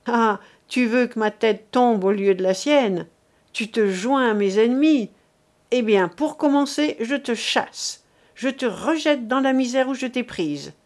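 A woman's voice: fairly high pitch, animated, unhurried. A woman reading aloud as a frightened, bitter middle-aged man lashing out with harsh scorn. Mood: scornful.

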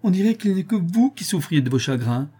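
A man reading an audiobook, voicing a frank, cheerful young woman who pleads lovingly, pitching his voice higher. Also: normal speed, dark tone, husky. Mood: pleading.

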